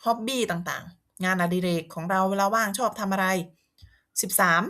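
A woman teacher with a friendly, patient way of explaining, walking through vocabulary step by step. She talks her students through each word and repeats terms so they can hear how they sound. Her voice sits at an ordinary middle pitch. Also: unhurried, pushed and bright. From Thailand. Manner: friendly, patient, repeats words to model pronunciation. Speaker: language teacher. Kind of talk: explanatory lesson narration.

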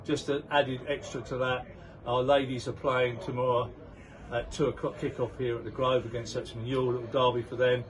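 A fairly quick, mid-range voice with little pitch movement belongs to an older man interviewing a player post-match for the club. The chat is promotional and full of leading questions, taking place outdoors at a football ground. Crowd noise fills the distant recording, made by a camera at a distance while he holds a handheld mic.

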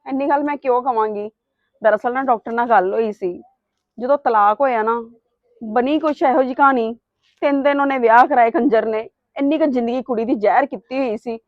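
Defensive pleading mother played by a middle-aged woman, high voice, quick, dull dry sound. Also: no room sound, close to an everyday voice. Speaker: wife's mother. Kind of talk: family drama acting.

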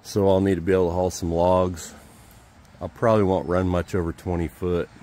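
A man's voice: low-pitched, a little fast. A man casually showing an old truck outdoors and in its cab, talking offhand and thinking aloud into a handheld phone camera. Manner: relaxed, offhand, thinking aloud with dry jokes. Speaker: homesteader showing his truck. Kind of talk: casual walkaround vlog.

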